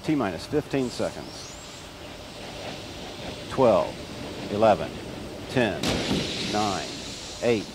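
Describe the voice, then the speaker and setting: A man's voice: animated, slow pace, pauses often. An American man making a formal launch countdown announcement over mission control radio. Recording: loud rumbling wind-like vehicle noise.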